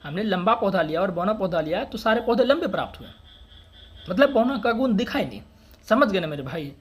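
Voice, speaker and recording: A man teaching an exam-prep science lesson in a steady, drilling way. He asks a question, answers it himself and then repeats the key term for emphasis. Dialect words come through in his Hindi. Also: high-pitched, a little fast, husky. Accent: Hindi dialect words (बड़का, छोटका).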